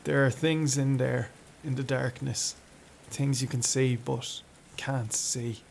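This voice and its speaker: A man voicing a terrified, haunted young man who speaks in a hushed, choked, halting way. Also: mid-range voice, flat delivery, gravelly, slight background noise. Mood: hushed dread.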